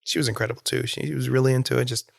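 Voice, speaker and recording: Gravelly, excitable podcast host. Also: male voice, medium pitch, rapid-fire, no echo, studio quality. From Florida. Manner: enthusiastic, rambling, laughs often. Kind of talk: casual solo podcast monologue.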